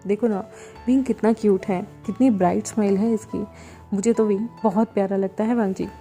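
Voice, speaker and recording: A caring older brother, voiced by a woman storyteller, speaking kindly and soothingly, firm when he scolds. The voice is very mellow and dark, with faint music behind it. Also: medium pitch, fairly even intonation, brisk, close to an everyday voice. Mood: gentle.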